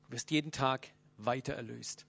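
A man preaching a sermon, speaking earnestly and directly to his listeners, swinging between loud and hushed. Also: mid-range voice, normal speed, vocal fry.

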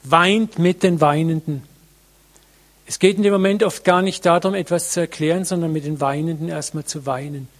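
A man preaching a sermon to a congregation, earnest and reflective, with many pauses, addressing listeners directly. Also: on the high side, flat delivery.

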